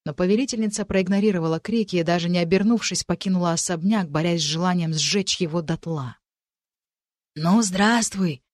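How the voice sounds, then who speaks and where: A woman narrating a fantasy audiobook in a measured, even manner. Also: on the low side, dry recording, studio quality. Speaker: audiobook reader. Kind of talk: scripted narration.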